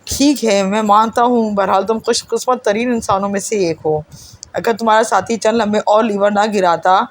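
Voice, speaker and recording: A woman's voice: medium pitch, steady tone, close to an everyday voice. A woman voicing a cunning, defeated foreign villain prince who bargains and threatens. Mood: bitter. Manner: scheming, shifts between bargaining and threats.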